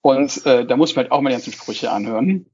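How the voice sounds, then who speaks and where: A man's voice: mid-range voice, fast, a little mellow, a little hiss or hum. A man chatting casually about football, tagging lines with a questioning "ne?". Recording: dull lo-fi sound.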